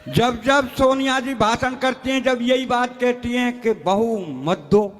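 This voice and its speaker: A man's voice: very high-pitched, level tone, unhurried, a bit bright. A man performing as a comic poet on stage, telling rustic jokes in a chatty way and often calling the crowd sir. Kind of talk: stage comedy storytelling.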